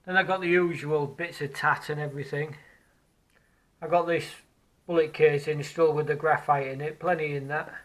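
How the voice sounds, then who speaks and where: A man's voice: fairly high pitch, steady tone, moderate pace, a bit bright, rough recording. Hesitant man musing over beach finds. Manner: musing, hesitant, repeats words while looking at finds. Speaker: metal detecting vlogger. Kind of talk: casual commentary on finds. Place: outdoors on a beach.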